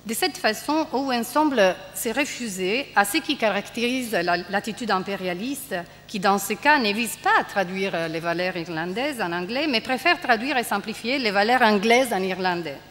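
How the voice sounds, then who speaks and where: Woman lecturer, mid pitch, halting delivery with fillers, recorded in a lecture hall with long reverb. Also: animated, fairly bright tone, a little hiss or hum. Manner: hesitant, many fillers, reads out quotes. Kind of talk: university lecture on translation.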